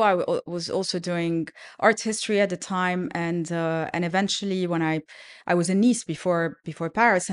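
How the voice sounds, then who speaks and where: Interview guest: woman from Egypt, middle-aged, low-pitched, unhurried and thoughtful, lots of ums. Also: smooth. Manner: thoughtful, hesitant with many fillers. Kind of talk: casual interview chat.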